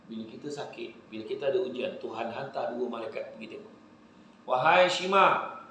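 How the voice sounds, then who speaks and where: A man preaching with a Malaysian Malay accent, giving a humorous religious talk to a live audience, telling animated stories and joking. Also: medium pitch, fast talker, a little hiss or hum. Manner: animated joking storytelling, laughs often. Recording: very echoey hall.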